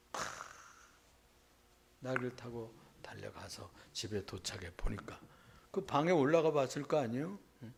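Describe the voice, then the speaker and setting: A male pastor delivering a sermon, retelling a story dramatically and often turning to the congregation with quick questions. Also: mid-range voice.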